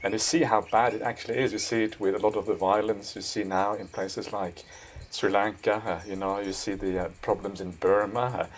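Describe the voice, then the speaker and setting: Middle-aged monk, lowish voice, thoughtful, lots of uh and yeah, faint hiss behind. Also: male voice, steady tone, brisk, hardly any pauses, rough recording. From Norway. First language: Norwegian. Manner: thoughtful, frequent "uh" and "yeah", soft laughs. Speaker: Buddhist monk. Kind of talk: reflective interview answers. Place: monastery.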